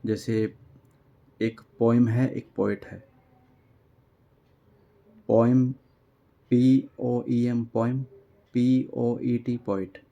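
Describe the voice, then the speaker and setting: A man's voice: medium pitch, flat delivery, vocal fry, warm tone, dull audio. A male teacher, patiently explaining workbook exercises, spelling out words letter by letter and reading lines aloud before translating them. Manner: reads English text aloud slowly, then translates it. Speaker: English teacher.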